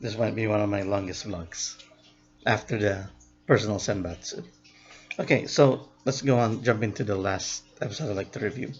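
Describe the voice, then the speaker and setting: A man, a vlogger, giving a casual review of show episodes, unhurried and thinking aloud. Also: on the low side, fairly even intonation, dull audio.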